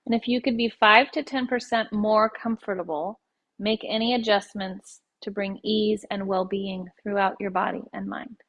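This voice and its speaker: This muffled recording captures a woman with a mid-range voice and steady tone guiding a yoga nidra session. She speaks soothingly and without hurry, softening the ends of her phrases.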